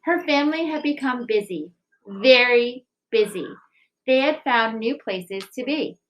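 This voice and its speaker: In an expressive and deliberate manner, a school staff member with a high-leaning voice reads a children's book aloud and tells families about a recipe book project. The recording sounds rough.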